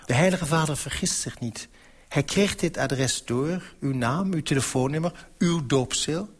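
A man reading an audiobook voices a persuasive elderly male cardinal who talks smoothly and patiently, quietly domineering. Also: a little high, unhurried. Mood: insistent.

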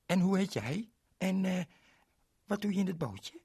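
A man's voice: high voice, expressive, unhurried, dark tone, breathy edge, pitched above the performer's own voice, heavily acted. A man voicing a cheerful, chatty little girl who swaps her r sounds for l in a children's story. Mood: curious.

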